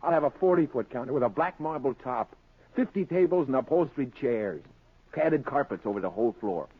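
A tinny, narrow old radio recording of an excitable American working-class husband. His pitch leaps about and his voice is rough-edged. He schemes and blusters in vintage radio-drama style, stumbling when his nerve fails. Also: brisk. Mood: excited, boastful. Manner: blustering, stammering when nervous.

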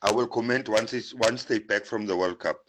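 A man's voice: on the low side, normal speed, noisy background. A man from KwaZulu-Natal, South Africa, leaving a voice note for a radio show, giving blunt, critical opinions. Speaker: listener sending a voice note.

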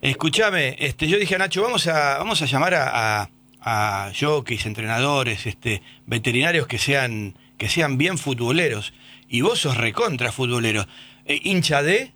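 A man's voice: medium pitch, animated, measured pace, sharp tone. A man with an Argentine accent hosting a radio interview in a chatty, teasing way. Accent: Argentine Spanish. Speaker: radio host.

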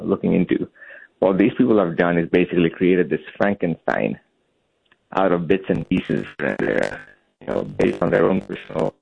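A man from Bangladesh calling in to a radio show, speaking in a measured, reflective way with many fillers. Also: low voice, vocal fry. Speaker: caller. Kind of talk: phone-in call. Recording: tinny phone line.

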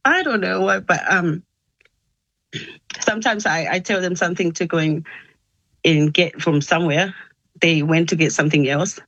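A Tongan-accented woman speaks in a low, deep register, pausing often with soft fillers as she gathers her thoughts. Her talk is earnest and sincere. The sound is dry and a little muffled. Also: husky, no room sound. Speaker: musician guest. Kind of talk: casual interview.

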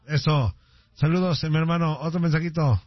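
A man's voice: a little high, steady tone, fairly quick, over loud music. A Mexican man hosting a call-in radio show, reading listener messages with joking, teasing banter. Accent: Mexican Spanish. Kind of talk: casual call-in radio chat. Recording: dull, dry radio sound.

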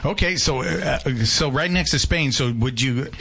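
A man's voice: a little high, moderate pace, creaky, pushed and bright, husky. Easygoing male talk show host. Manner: easygoing, joking questions. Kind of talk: casual interview chat.

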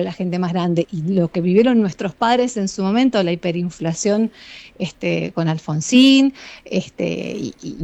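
An Argentine woman speaks at a mid pitch, calm and explanatory, as a psychologist answering an interviewer. Her voice is recorded dry and close, with no room sound. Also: no room sound. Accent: Argentine Spanish. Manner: measured, explanatory, addresses listeners directly. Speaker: psychologist and author, guest.

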